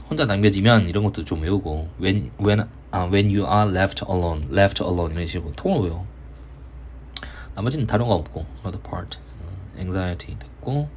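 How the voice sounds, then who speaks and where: Man, English tutor, online lecture, lowish pitch, playful banter, faint hiss behind. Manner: casual, joking teacher, banter in plain speech. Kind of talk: online lecture to high school students.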